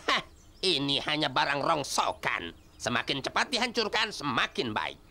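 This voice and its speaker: A sharp, gravelly cartoon villain-like voice for a grumpy male diesel engine, curt, impatient and dismissive. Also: medium pitch, sing-song, normal speed, exaggerated voice. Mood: scornful. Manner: scornful, curt. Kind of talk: dubbed children's cartoon acting.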